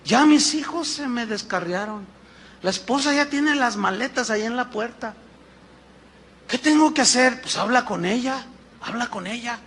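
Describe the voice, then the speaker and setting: A man, his voice high and bright, acting out quick dialogues and firing rhetorical questions. A faint noise sits behind him. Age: 50s. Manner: animated preaching with acted-out dialogues and rhetorical questions. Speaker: pastor. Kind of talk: sermon.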